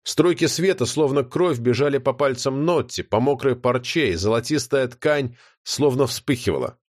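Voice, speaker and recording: A male audiobook narrator reading fantasy prose with expressive drama. His pitch sits mid-range but moves in lively, animated swings. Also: moderate pace, no room sound, studio quality.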